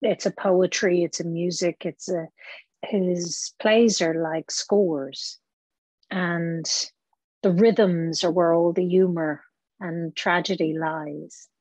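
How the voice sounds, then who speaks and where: A woman's voice: fairly low pitch, fairly even intonation, slow, darkish tone, dry recording. A woman actor talking as a podcast guest, reflective and searching for her words as she explains her craft. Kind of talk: conversational interview.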